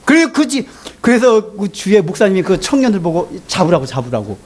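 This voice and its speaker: A man preaching a sermon as a pastor, telling a story in an animated way and often laughing. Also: high-pitched, a little fast.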